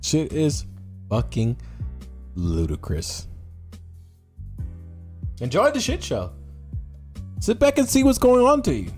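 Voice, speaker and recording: A man's voice: a little high, huge pitch swings, slow pace, pauses often, darkish tone, soft background music. A man livestreaming an unscripted political rant in a sarcastic, scornful exposé manner, emphatic and profane, full of rhetorical questions.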